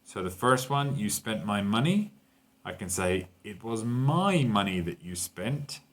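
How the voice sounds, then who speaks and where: A man's voice: on the low side, very animated, measured pace. A man teaching a grammar lesson to Spanish speakers, explaining patiently and checking in with "okay?" and "right?". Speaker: English teacher.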